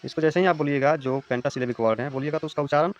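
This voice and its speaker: A man teaching an English grammar lesson in Hindi, reading English definitions slowly, then explaining quickly and repeating example words. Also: on the high side, slight background noise. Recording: slightly dull lo-fi recording.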